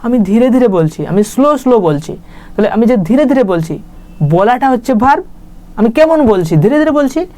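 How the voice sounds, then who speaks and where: In a casual spoken lesson on English grammar, this woman uses a mid-range, slightly mellow voice. Her chatty style features repeated "right?" check-ins to make sure people are following.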